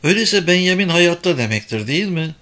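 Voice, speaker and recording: A man voicing a frightened, grieving mother who speaks softly and anxiously in an audiobook reading. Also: high voice, sing-song, fast talker, pitched above the performer's own voice. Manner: soft, anxious, sometimes whispering.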